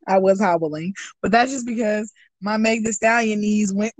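A woman's voice: medium pitch, no echo. A young woman co-hosting a casual chat, joking and laughing often. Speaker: podcast co-host.

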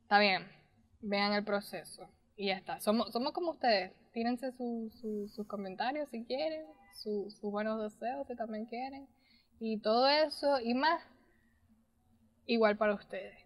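Young woman on a podcast, slightly high voice, expressive and chatty. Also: a little slow. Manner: expressive, chatty, swears casually. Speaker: podcast co-host. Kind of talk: casual chat.

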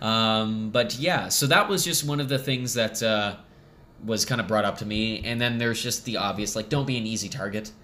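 A man's voice: on the low side, normal speed, bright, forceful tone, a little hiss or hum. A man co-hosting a casual podcast, talking in an easygoing, hesitant way with many fillers. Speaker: podcast co-host. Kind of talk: casual chat on a live podcast.

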